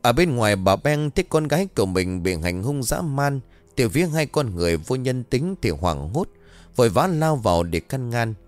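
A man's voice: mid-range voice, very animated, moderate pace, darkish tone, soft background music. Man narrating a horror tale. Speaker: storyteller. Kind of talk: scripted horror story narration.

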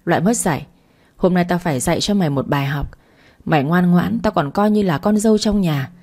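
A fast, hectoring older mother-in-law, as a woman puts her on, spitting insults in a relentless tirade. The voice stays low and mellow even as it rages. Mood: furious. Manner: shrill scolding tirade.

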